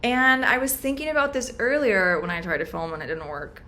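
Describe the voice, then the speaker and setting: A woman's voice: medium pitch, steady tone, a little fast, pushed and bright. A young woman talking casually in a video journal, chatty and rambling, recorded on a laptop's built-in mic at home. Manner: chatty, rambling, self-aware. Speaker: vlogger.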